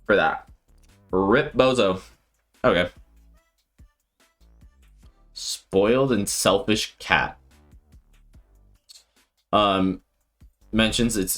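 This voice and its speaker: A man streaming live and thinking out loud with casual commentary, laughing often. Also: fairly low pitch. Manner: thinking aloud, frequent laughter.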